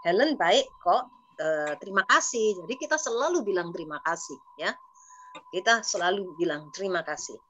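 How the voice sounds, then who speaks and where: A woman's voice: fairly low pitch, animated, normal speed, fairly bright tone, a little hiss or hum. A woman with an Indonesian accent teaching an English lesson over a video call, patiently repeating words for the class to copy.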